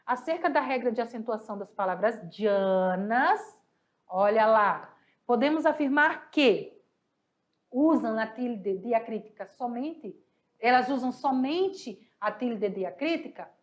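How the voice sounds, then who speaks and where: Brazilian lady teacher, kinda hoarse, talks slow and a bit high, asks then answers herself. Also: animated. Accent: Brazilian Portuguese. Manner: patient, asks questions and answers them herself. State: slightly hoarse, coughing. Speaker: Spanish teacher. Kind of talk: online class explaining exercises.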